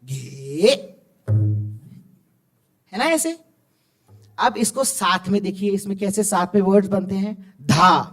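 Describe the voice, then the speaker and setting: A man with an animated, encouraging manner, teaching tabla to students in a school hall. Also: sits high, normal speed, soft background music. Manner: animated, encouraging, recites tabla syllables aloud. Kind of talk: lively school music workshop. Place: school hall with live music.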